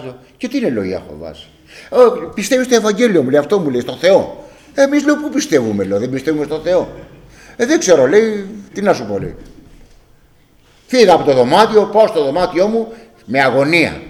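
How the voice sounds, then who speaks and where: An older man telling a personal story from his years working on a ship, acting out each exchange of dialogue with a repeated "I say". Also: fairly high pitch. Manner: animated, acts out dialogue with repeated "I say". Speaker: storyteller recalling life at sea.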